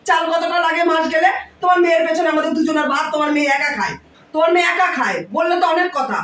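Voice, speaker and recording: A woman playing a harsh stepmother in a home drama, scolding and hurling insults. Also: very fast. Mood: shouting. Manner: shrill, nagging, shouting insults. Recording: roomy room, mic far off, faint noise.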